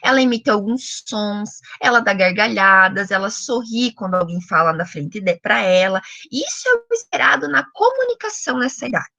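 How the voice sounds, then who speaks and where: A Brazilian woman giving a lecture on how children acquire language, explaining milestones in an animated way and acting out parents' questions. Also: medium pitch, normal speed, gravelly, hardly any pauses, dry recording. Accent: Brazilian Portuguese.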